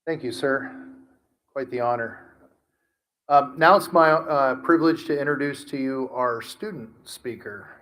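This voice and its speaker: A man's voice: mid-range voice, unhurried, fairly bright tone, poor audio. A man giving a formal, prepared introduction of the student speaker at a graduation ceremony. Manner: formal, reads prepared remarks. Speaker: ceremony presenter. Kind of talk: scripted introduction speech.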